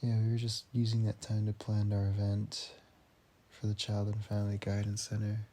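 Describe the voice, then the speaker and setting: A very tired young man in his late teens, slightly nasal from a cold, keeping a personal audio diary in a halting way with restarts, sighs and throat clearing. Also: fairly low pitch, completely flat delivery, mellow, a little hiss or hum. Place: at home indoors.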